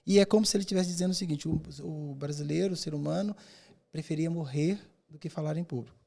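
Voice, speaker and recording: A man's voice: a little high, fast, gravelly, dark tone. A man who mentors public speaking, answering in a podcast interview with emphatic, rhetorical delivery and repeated words for effect.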